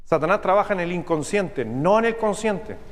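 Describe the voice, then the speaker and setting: Chilean pastor guy, fairly high voice, preaching and teaching, keeps asking the crowd if they follow, long echo of the church hall. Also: expressive. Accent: Chilean Spanish. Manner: teaching preacher, checks in with the congregation with quick questions. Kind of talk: sermon. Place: church sanctuary.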